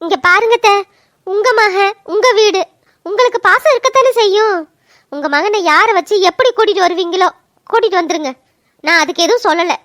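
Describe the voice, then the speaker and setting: A woman voicing a young wife in a cartoon, bitter and sharp-tongued about her drunkard husband. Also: extremely high pitch, fairly quick. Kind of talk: cartoon voice acting.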